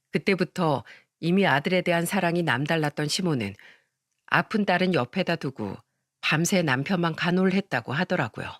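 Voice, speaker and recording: A woman's voice: lowish voice, no echo. Woman narrating a story in a dry, close voice. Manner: even, storytelling.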